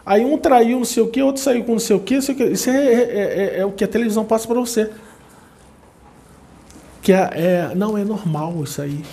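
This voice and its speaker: This Brazilian-accented man's voice sits high and sounds creaky, and he talks fairly quickly. His casual talk to an audience is chatty and repetitive, with words repeated for emphasis and lively asides.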